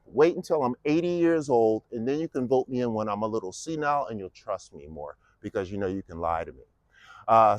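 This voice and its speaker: A man in his fifties, a vlogger, delivers a casual and mocking political monologue full of rhetorical questions. His voice is medium-pitched with a darkish tone, and the recording is dry.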